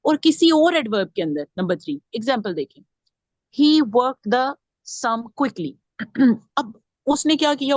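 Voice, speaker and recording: A grammar teacher with a fairly high voice walks her class through each point step by step, often pausing to ask them questions. The recording is close and dry.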